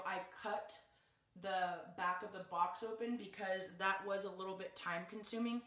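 A young woman chatting to her viewers as she unboxes a package, recorded on a camera set a little away from her in a small, echoey bedroom. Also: medium pitch. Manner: chatty, addresses viewers directly. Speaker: vlogger. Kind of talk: casual unboxing chat. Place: small guest bedroom indoors. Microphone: camera set up a little far away. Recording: echoey room sound.

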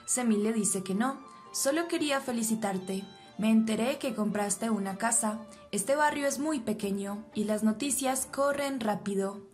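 Lady recapping a soap episode, a bit high voice, steady, faint music behind. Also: normal speed. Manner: steady storytelling, reads quotes plainly. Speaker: narrator. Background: faint background music.

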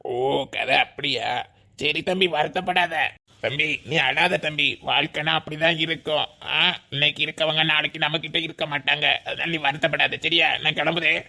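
A scheming older suitor in a cartoon coaxes and wheedles, as a man voices him. He has a Kanyakumari Tamil accent. His voice is gravelly and bright, set a little high. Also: steady tone, normal speed, exaggerated voice. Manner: coaxing, wheedling. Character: scheming older brother type, persuasive suitor. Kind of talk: cartoon voice acting.

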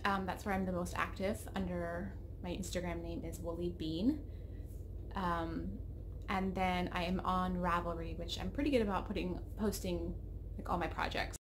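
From her home craft room, a woman in her thirties hosts a knitting podcast, chatting in a rambling, self-interrupting manner with a little froggy throat. Her lowish voice moves little in pitch at a moderate pace, and the desk webcam recording has a noisy background.

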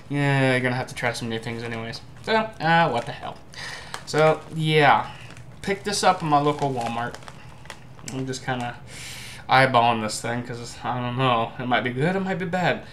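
A young man chats casually to a webcam in a room at home, reviewing food. He speaks in a hesitant, halting way at a middling pitch. Clear noise sits behind his voice. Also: fairly bright tone. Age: young adult. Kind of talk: casual chat to camera.

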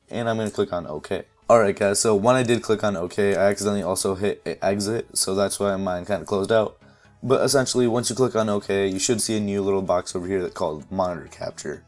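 A man with a hoarse, fading voice casually talking viewers step by step through a software setup at his computer mic. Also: on the low side. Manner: relaxed, step-by-step, leans on "essentially" and "uh". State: hoarse, voice fading after losing it. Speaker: tutorial youtuber. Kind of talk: casual screen-recording tutorial.

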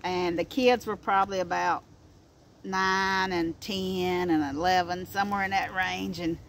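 A woman's voice: lowish voice, fairly even intonation, a little slow, fairly bright tone. A middle-aged woman with an Appalachian accent chatting casually outdoors and telling stories in a folksy way, repeating phrases for emphasis. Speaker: co-host. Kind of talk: casual chat and storytelling. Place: outdoors in a wooded yard. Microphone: camera a few feet away. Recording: outdoor recording with ambient noise.

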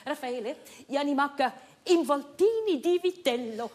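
Bossy, animated old Italian housewife. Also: female voice, high voice, normal speed. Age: older. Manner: scolding, emphatic, broken grammar mixed with Italian. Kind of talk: stage comedy-drama acting. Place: indoor theatre stage. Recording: reverberant theatre stage, faint noise.

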